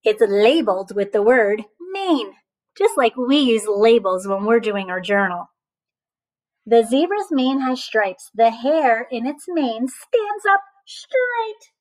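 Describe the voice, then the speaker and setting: A woman in a teacher's role reads a picture book to young children in an animated, encouraging way, often pausing after questions so they can answer. Her voice leans high, and the recording is rough.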